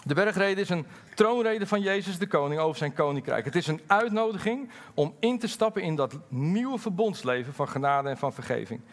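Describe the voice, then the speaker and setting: Middle-aged male pastor, fairly high voice, sermon delivery, candid and lively, drops low for asides. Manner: lively, swings from loud emphasis to low confiding asides; candid, halting storytelling with fillers.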